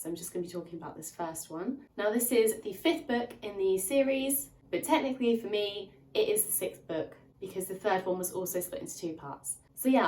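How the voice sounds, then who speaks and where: The recording is rough, with a roomy sound and a distant mic, capturing a woman's darkish, mid-range voice. Still slightly stuffed up and nasal from a lingering cold, the book reviewer talks to her viewers casually and spoils the story freely. She keeps saying "um" and "kind of" as she chattily recaps what happens.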